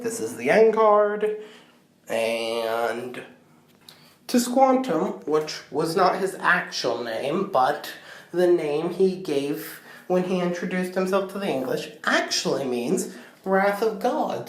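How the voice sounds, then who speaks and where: A woman's voice: lowish voice, echoey room, rough recording. A woman giving a comedic history lecture, full of sardonic, irreverent asides. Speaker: history presenter.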